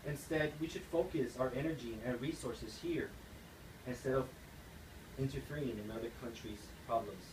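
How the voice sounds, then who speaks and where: Here a young American man in early adulthood earnestly reads a persuasive speech, much like a school assignment. His mid-range voice is a little mellow and moves at normal speed. Captured on a distant mic, the sound is noisy and echoes around the room.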